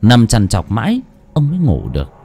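A man's voice: fairly low pitch, wildly swooping pitch, moderate pace, warm tone, breathy edge, faint music behind. A man narrating a horror story dramatically.

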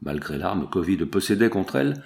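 A man narrating a classic novel as an audiobook reader, measured and steady. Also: low-pitched, gravelly.

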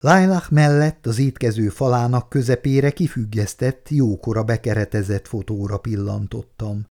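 A man narrating an audiobook novel in a measured, expressive reading. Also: mid-range voice. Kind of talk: scripted narration.

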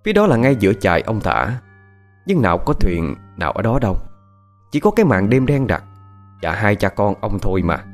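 Lively male ghost-story narrator. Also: fairly low pitch, normal speed, soft background music. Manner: expressive, storytelling cadence.

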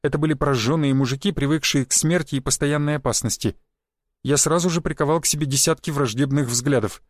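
A man's voice: fairly high pitch, fairly quick, no room sound, clean studio sound. Man reading a first-person audiobook. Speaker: audiobook narrator.

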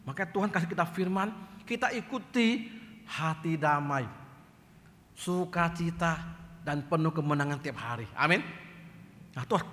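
Animated pastor in a reverberant hall. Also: male voice, high-pitched. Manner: animated, acts out dialogue in quoted voices. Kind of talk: sermon with storytelling. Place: church.

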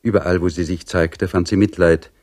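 A male reader narrates a period story with measured composure. His voice sits low and carries a slight husky roughness. The delivery stays steady and literary. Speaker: audiobook reader.

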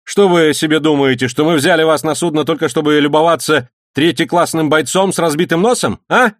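Brief: man playing a stern, loud ship's mate dressing down a cook, raised pitch, audiobook. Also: lively intonation, quick pace, dry recording, clean studio sound. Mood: scolding. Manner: stern, scolding. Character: sharp-tongued male ship's mate, scolding.

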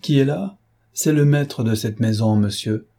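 A man's voice: medium pitch, animated, moderate pace, dark tone, slightly rough. Cloarec, a man reading as a stern brusque father. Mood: curt, harsh. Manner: curt, harsh questioning.

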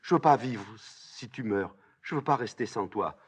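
A man's voice: medium pitch, expressive, normal speed, breathy edge, pitched above the performer's own voice. A man reading a play aloud, voicing a timid young woman pleading tearfully with her sister.

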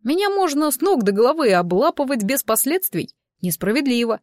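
A woman's voice: high voice, sing-song, a little fast, a little mellow, dry recording, pitched above the performer's own voice. A woman reading aloud, voicing a playful, joking young man in a dry recording. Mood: teasing. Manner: joking, bantering.

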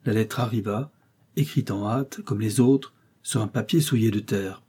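A man with a low, husky voice reads a classic short story in a measured, unhurried way. His tone is dark and mellow, and he lifts his pitch when voicing the characters' lines. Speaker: narrator. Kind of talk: audiobook reading of a short story.

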